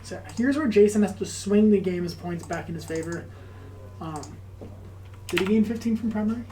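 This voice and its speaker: Mellow, mask-muffled female co-commentator. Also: medium pitch, normal speed, a little hiss or hum. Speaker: match co-commentator. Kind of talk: casual chatty tabletop game commentary.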